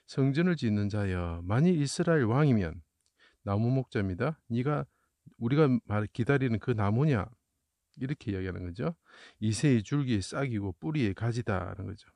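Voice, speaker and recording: A man's voice: mid-range voice, lively intonation, normal speed, dark tone, no echo. A man explaining Bible verses through Chinese characters, asking rhetorical questions and then answering them. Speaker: Bible teacher.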